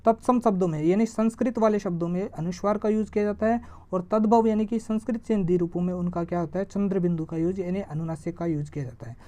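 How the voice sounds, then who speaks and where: A woman teaching an exam-prep grammar lesson. She asks a question and answers it herself, and she draws vowel sounds out slowly to show them. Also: fairly low pitch, dark tone. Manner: stretches vowels slowly when demonstrating sounds.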